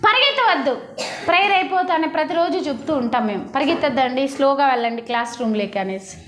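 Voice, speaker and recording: High-pitched teacher woman, echoey classroom. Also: animated, quick pace, a bit bright. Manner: coaxing, repeats prompts to children. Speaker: primary school teacher. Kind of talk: classroom lesson. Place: school classroom.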